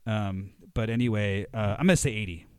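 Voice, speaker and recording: A man hosting a casual podcast chat, relaxed and rambling, giving scores with restarts. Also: on the low side, fairly quick, smooth, no echo, studio quality. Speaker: podcast host.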